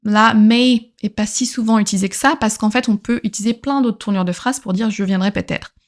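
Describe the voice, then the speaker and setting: A woman's voice: medium pitch, steady tone, fairly quick. A woman from France giving a patient grammar lesson, repeating each example twice and then translating it. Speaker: English teacher.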